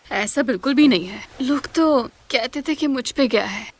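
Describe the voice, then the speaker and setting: A woman's voice: sits high, close to an everyday voice. A woman dubbing a cool, puzzled middle-aged mother. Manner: cool, measured, questioning. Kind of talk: dubbed TV drama. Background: faint music.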